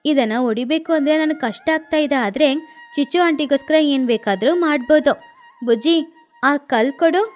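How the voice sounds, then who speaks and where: A woman voicing a boastful but good-hearted young boy bird in a cartoon, talking in a slow, swaggering, playful way. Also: high voice, faint music behind, natural voice. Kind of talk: cartoon voice acting.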